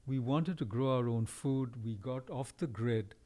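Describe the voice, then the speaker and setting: A man with a soft, warm tone talks through ideas slowly and reflectively. He hosts a conversational podcast and weighs his guest's points before offering a counterview. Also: medium pitch. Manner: discursive, thoughtful, pushes back gently.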